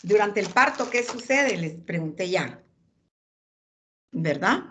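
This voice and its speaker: A woman's voice: mid-range voice, lively intonation, slow pace, noisy background. A woman lecturing anatomy, pointing out images and calling on students by name.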